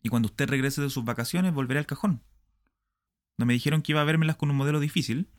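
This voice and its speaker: A man's voice: on the high side, quick pace, pitched above the performer's own voice, lightly acted. A man voicing a resentful male puppet double that complains about being shut away. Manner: complaining, aggrieved.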